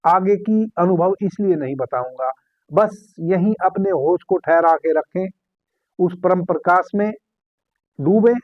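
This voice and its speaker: A man calmly giving guided meditation instructions as a spiritual teacher, repeating key phrases slowly. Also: sits high, no echo. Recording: tinny phone-like sound.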